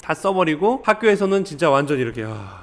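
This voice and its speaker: A man's voice: fairly high pitch, very animated, a little fast. A man giving earnest commentary on parenting clips, speaking straight to the viewers in a lecturing way.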